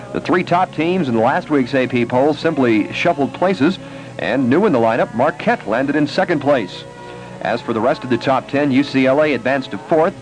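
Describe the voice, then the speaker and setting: A man co-hosting morning radio, reading sports news in a steady, even way. Between reads he banters dryly. The sound is an old radio broadcast with faint music in the background. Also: mid-range voice, low-quality recording. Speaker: radio co-host and news reader.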